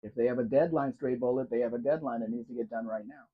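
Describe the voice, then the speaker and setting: Chatty and prone to wandering, this livestream host runs a relaxed Q&A, responding to chat members by name. His husky voice is medium in pitch with fairly even intonation and a fast pace, heard through narrow, tinny audio.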